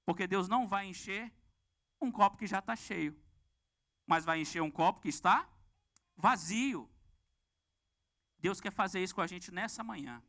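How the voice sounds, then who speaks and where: A man with a Brazilian Portuguese accent preaching a lively sermon and asking the congregation questions. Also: sits high, a little slow, long pauses. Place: church.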